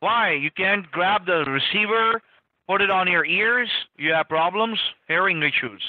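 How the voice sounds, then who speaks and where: A man's voice: high voice, expressive, a little slow, dry recording, narrow, tinny audio. A man posing as customer support, talking over a phone on speaker in a brusque, insulting, domineering way. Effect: heard through a phone on speaker.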